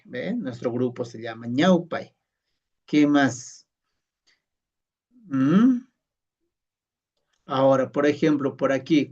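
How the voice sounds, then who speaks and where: A man teaching a language class, slowly and patiently repeating sounds and checking that his colleagues follow. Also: medium pitch, gravelly, darkish tone, distant mic. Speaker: Quechua teacher. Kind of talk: classroom lesson. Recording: muffled sound from away from the mic.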